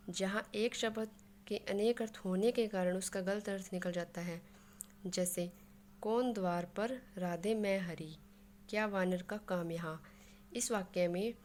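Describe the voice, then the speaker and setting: A woman's voice: mid-range voice, darkish tone, slight background noise. A woman explaining a Hindi grammar lesson, working through examples step by step and mixing English words into her Hindi.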